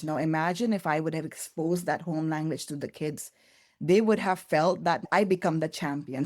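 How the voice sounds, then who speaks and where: A woman's voice: deep voice, a little mellow. A woman being interviewed on a podcast, speaking thoughtfully and earnestly, sometimes restarting words as she searches for them. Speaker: early childhood curriculum developer, guest.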